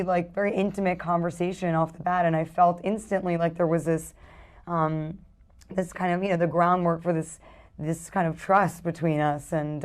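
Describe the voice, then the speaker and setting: A woman actor talking casually in an interview, hesitant and full of fillers and restarts. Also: on the low side. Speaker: actress in a film interview.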